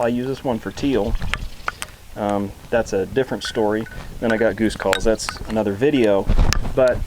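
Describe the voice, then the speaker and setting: A man's voice: medium pitch, darkish tone, slight background noise, low-quality recording. A man giving a casual hands-on tutorial as an instructor, speaking in a plain, folksy, informal way. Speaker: instructor, duck hunter.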